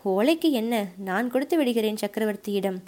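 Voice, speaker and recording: A woman's voice: medium pitch, lively intonation, fairly quick, a little mellow, close to an everyday voice. A woman voicing a proud, hot-tempered middle-aged male fort commander in an audiobook, speaking brusquely and with suspicion. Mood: suspicious. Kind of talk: audiobook character voice.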